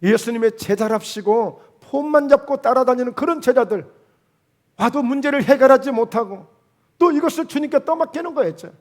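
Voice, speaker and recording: A man's voice: very high voice, moderate pace. A man with a Jeolla Korean accent preaching a sermon as pastor, emphatic, with rhetorical questions and quoted dialogue. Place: church sanctuary.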